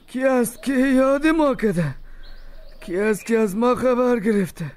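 A man's voice: extremely high pitch, darkish tone, clean tone. An actor with an Afghan Dari accent playing a sick, bedridden father who weeps and begs forgiveness, in an audio drama. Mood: mournful. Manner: pleading, weeping, grateful.

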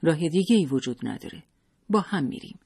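Male narrator puts on a desperate young woman for an audiobook, pleading through tears, higher and slightly husky. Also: lively intonation, dark tone, heavily acted.

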